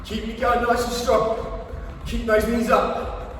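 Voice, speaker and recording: A man coaching a home workout, calling out energetic encouragement and counts with casual, jokey chat. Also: very high-pitched, takes it slowly, a little hiss or hum. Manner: upbeat, encouraging, energetic call-outs while exercising; jokey, chatty. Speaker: fitness coach leading a home HIIT workout. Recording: very echoey room, distant mic, faint music.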